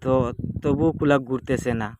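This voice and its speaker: A man's voice: medium pitch, moderate pace, a little mellow. Man explaining a folk ritual over noise. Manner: repetitive, plain explaining, addresses viewers directly. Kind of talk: casual spoken demonstration. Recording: clearly noisy home video.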